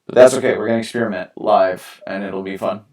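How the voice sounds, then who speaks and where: A man's voice: lowish voice, a little fast, a little mellow, far from the mic. A young man from New York, casually rambling with many fillers and restarts as he paints on a live stream. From New York, USA. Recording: roomy sound from away from the mic.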